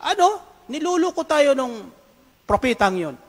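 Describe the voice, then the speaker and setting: A preacher voicing an indignant, proud army general who talks in a high, scornful, outraged way. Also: male voice, brisk, fairly bright tone. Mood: fuming. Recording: long reverb of a large hall.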